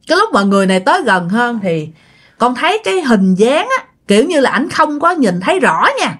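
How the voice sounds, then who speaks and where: A woman telling a ghost story in a chatty way, speaking directly to her listeners. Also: a little high. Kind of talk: casual ghost story narration.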